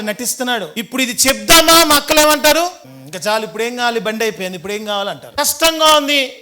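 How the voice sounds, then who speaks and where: Fast, bright-voiced pastor telling his story. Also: sits high. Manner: animated storytelling, acting out quoted voices. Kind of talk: sermon testimony.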